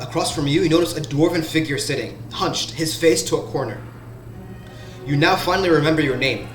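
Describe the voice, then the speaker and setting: A man narrating as game master in the second person, slow and halting with restarts. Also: a little high. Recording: roomy sound, faint background music.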